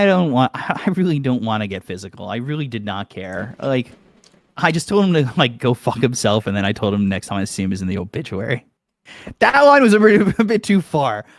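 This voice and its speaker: A man telling a story on a podcast in a heated, profane, animated rant. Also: mid-range voice, normal speed, dry recording.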